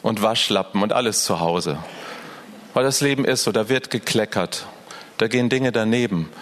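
A man's voice: on the low side, normal speed, fairly bright tone. An older man, a grandfather, preaching a personal, earnest sermon and speaking straight to his listeners. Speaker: pastor.

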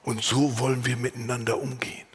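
Male pastor giving a sermon, raspy breathy voice, goes quiet then punchy. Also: mid-range voice, flat delivery, a little fast, big-room sound. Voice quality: husky; unusual voice he remarks on himself. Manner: earnest, varied, drops to whispers and rises for emphasis. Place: church.

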